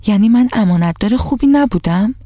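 A breezy, careless little schoolgirl, put on by a woman reading a radio storybook. She talks high and quick with excuses, in a dry and close recording. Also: lively intonation, warm tone, dry recording, lightly acted. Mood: defensive. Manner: defensive, quick to make excuses. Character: young schoolgirl, careless and easygoing.

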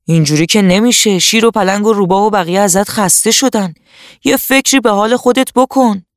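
A strong, stern male tiger in a children's radio story, voiced by the storyteller, who speaks in firm, scolding tones. He lectures with a low growl at times. The recording is dry and close. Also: no room sound, close to an everyday voice.

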